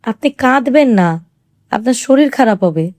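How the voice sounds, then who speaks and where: Casting: woman reading a soft, coaxing young wife, a little higher, gentle and patient. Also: lively intonation, unhurried.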